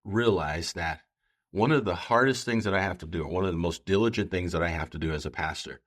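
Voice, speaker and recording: Deep voiced guy, pastor type, chatting on a podcast, earnest and kinda halting. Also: a bit bright. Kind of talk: conversational podcast talk with storytelling.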